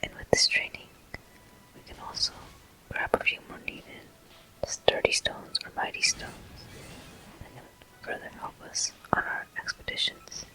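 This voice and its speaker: In a soft ASMR whisper, someone guides the listener through a video game. The whisper is breathy, very bright and hissy with almost no voiced tone, and it narrates the gameplay like a host in short, deliberate, unhurried phrases. The audio quality is poor.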